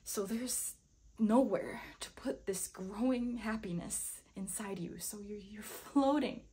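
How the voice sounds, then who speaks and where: A young woman acting a dramatic monologue as a melancholy, lovesick woman, halting and wistful, with a slightly husky voice. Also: medium pitch, dark tone. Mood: melancholy, unsteady. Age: young adult. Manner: melancholy, halting and wistful, with nervous laughter breaking through. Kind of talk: dramatic stage monologue performance. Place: small plain room, indoors.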